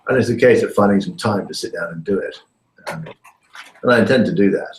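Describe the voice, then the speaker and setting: A man on an echoey, breaking-up call. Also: fairly low pitch. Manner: hesitant, many pauses and fillers. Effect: remote call line that breaks up, with echo. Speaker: university lecturer. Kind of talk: casual video call chat.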